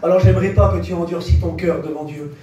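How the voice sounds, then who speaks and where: A man preaching a fervent sermon to a congregation, speaking directly to them and rising into shouts. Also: sits high, steady tone, quick pace, lo-fi sound. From France. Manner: impassioned, rises to shouts, addresses the crowd directly. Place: church. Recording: very echoey church hall, heard from a distance.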